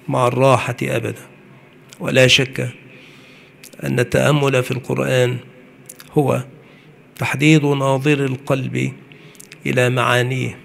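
A man giving a measured religious lecture, slowing down on his key points. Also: medium pitch, gravelly. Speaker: preacher.

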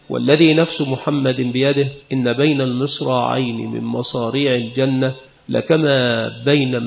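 Gravelly man giving a religious lesson. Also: mid-range voice. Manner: measured, explanatory, recites quoted speech. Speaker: Islamic scholar teaching. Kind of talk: religious lesson explaining hadith. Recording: echoey, dull lo-fi recording.

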